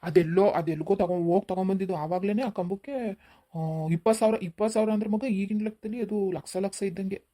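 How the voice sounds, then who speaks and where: Woman voicing a cranky coughing grandfather, rapid village grumbling. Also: mid-range voice, mellow, pitched below the performer's own voice, natural voice. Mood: grumbling, scolding.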